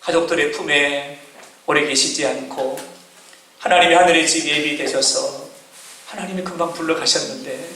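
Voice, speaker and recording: A male pastor preaching a sermon, acting out quotes and swinging from hushed to shouted. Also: fairly high pitch. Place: church sanctuary. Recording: very echoey church sanctuary, faint noise.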